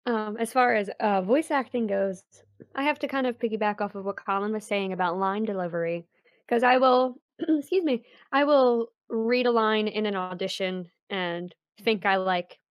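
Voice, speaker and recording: A woman's voice: mid-range voice, normal speed, no echo, clean studio sound. A woman co-hosting a casual podcast, chatty with a lot of filler words. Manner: chatty, lots of likes. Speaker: podcast co-host.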